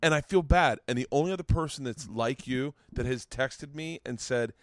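A man's voice: mid-range voice, moderate pace, no room sound. Podcast host dude, average voice, rambly, owns his own anxieties, dry sound. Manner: candid, rambling, self-deprecating. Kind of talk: casual podcast chat. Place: home studio man cave.

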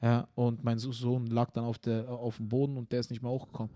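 Male comedian, podcast co-host, casual animated storyteller, mid pitch. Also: fast. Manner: animated storyteller, tag questions, acts out scenes. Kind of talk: casual chat.

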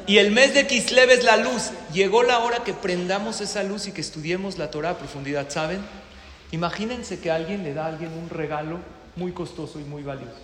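A middle-aged man, a rabbi teaching a lively Torah class, telling stories and asking his listeners questions. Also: high-pitched, a little hiss or hum. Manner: storytelling, asks the audience questions. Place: classroom or hall, in front of a group. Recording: echoey hall with long reverb.

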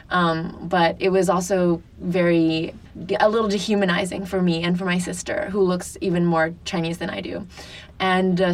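A woman in her twenties, originally from France, chatting openly as a podcast guest. Her voice sits on the low side and she leans on "like" as she thinks aloud. She sounds slightly distant from the microphone. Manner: chatty, frequent "like" fillers, candid. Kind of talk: casual interview talk.

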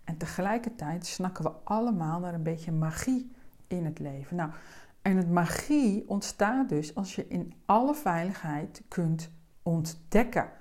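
Woman coach, lowish voice, slow and deliberate, gentle explanatory talk. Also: expressive.

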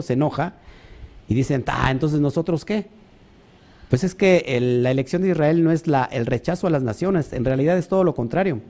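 Animated male preacher. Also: fairly high pitch. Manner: animated, rhetorical questions, mimicking others. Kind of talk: sermon.

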